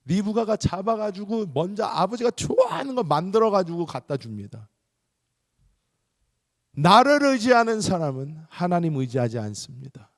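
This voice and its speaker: Preaching in a large church sanctuary, a pastor with a high-pitched voice speaks at a moderate pace and tells stories animatedly, voicing the people in them. The recording is studio quality, with the reverberation of the church hall.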